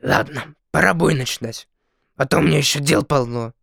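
A sly, amused male dragon from a storybook, as a man puts him on, mocking the people he talks to in a lively, teasing way. The voice sits fairly high and has a gravelly edge. It sounds dry and close, with no room around it. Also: a little fast, no echo, heavily acted. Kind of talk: storybook reading.

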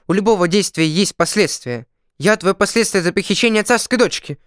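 A man's voice: high-pitched, brisk, a bit bright, clean tone, dry recording, studio quality, pitched above the performer's own voice. A man doing a nervous, stammering peasant. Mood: earnest. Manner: earnest, flustered, stammering. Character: nervous, earnest peasant potter, father of many. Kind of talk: storybook reading.

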